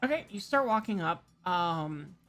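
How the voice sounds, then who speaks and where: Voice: mid-range voice, lively intonation, unhurried, fairly bright tone. A game master describing scenes for a tabletop roleplaying game in an informal, conversational way.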